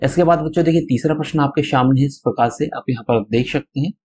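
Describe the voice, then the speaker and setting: Give me a male teacher, reading answers aloud in a mellow, slightly husky voice. He talks to the class as children and keeps telling them to write each answer down. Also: mid-range voice, fast talker. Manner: calls listeners children, tells them to note it down. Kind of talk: reading out textbook answers to schoolchildren.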